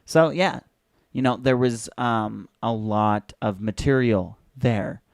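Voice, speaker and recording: A man's voice: medium pitch, slow, vocal fry, no echo, clean studio sound. A young man hosting a video, casually and sarcastically commenting on an old commercial, chatty and joking. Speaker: video host.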